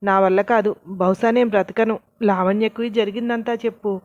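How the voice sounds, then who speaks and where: A woman's voice: mid-range voice, steady tone, normal speed, a little mellow, no room sound, close to an everyday voice. A badly injured young man talks weakly, resigned to his fate, as a woman narrator reads him. The recording is dry and dull. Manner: weak, resigned.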